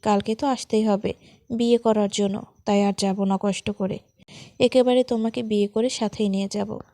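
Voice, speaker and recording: A woman's voice: medium pitch, steady tone, normal speed, dark tone, natural voice. A woman reading a hot-tempered young man. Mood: teasing. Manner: scolding, threatening.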